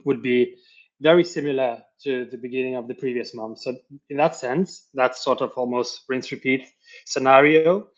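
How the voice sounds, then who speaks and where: A man in his forties from Lithuania, a finance professional answering interview questions in a halting way, full of fillers and restarts. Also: medium pitch. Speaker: financial controller, webinar guest. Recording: dull lo-fi audio.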